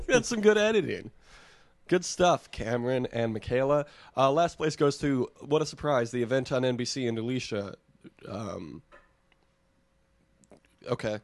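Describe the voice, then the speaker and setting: A man's voice: mid-range voice, lively intonation, measured pace, pauses often, no echo. A man from Michigan, co-hosting a casual chat and recapping a reality show with sarcastic jokes. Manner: joking, sarcastic, swears. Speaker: podcast co-host.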